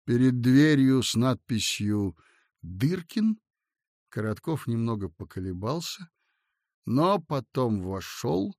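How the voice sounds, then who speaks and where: Unhurried expressive male narrator. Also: mid-range voice, no room sound, studio quality. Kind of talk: audiobook narration of a satirical story.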